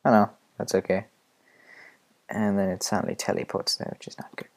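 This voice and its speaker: A man giving a casual screen-recorded animation tutorial, rambling and hesitant, often muttering quiet asides to himself. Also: lowish voice, flat delivery, brisk.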